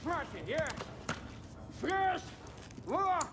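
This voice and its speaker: Frantic field medic, extremely high strained pitch, urgent, barking, game drama, loud noise. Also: male voice, normal speed. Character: frantic, foul-mouthed field medic giving orders.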